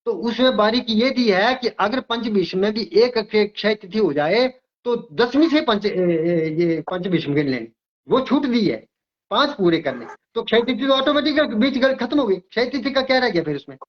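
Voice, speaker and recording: A man's voice: high voice, expressive, moderate pace, lo-fi sound. An older man who works as an astrologer, from Himachal Pradesh, explaining emphatically in an interview and often repeating his words. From Himachal Pradesh, India.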